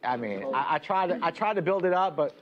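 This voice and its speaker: A man's voice: a little high, animated, brisk, lo-fi sound, slight background noise. A man at a poker table, chatting and joking casually with the other players. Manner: joking, chatty, asks for reassurance.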